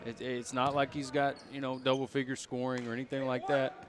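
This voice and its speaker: A man's voice: medium pitch, little pitch movement, brisk. A man giving basketball color commentary, emphatic and full of praise for the players. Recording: loud arena crowd behind. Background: crowd noise, basketball bounces.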